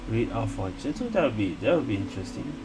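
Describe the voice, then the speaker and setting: A gaming video host delivers casual let's-play commentary in a medium-pitched, sing-song voice, talking fast. He's hesitant, often repeating phrases as he reacts, with game music and a noisy background behind him.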